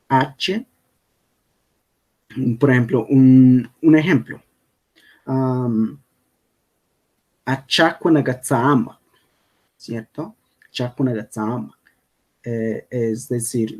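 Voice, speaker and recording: A man whose first language is Kogui teaches a language lesson over slides in a medium-pitched, mellow voice. He takes his time and checks in with the listener often by asking "¿sí?".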